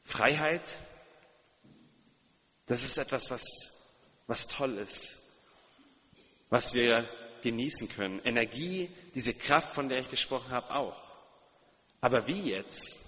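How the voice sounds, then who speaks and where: A man's voice: medium pitch, expressive, takes it slowly, pauses often, bright, forceful tone. A man preaching a sermon, speaking earnestly and putting direct questions to his listeners, repeating key phrases for emphasis. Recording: long hall reverb, dull sound.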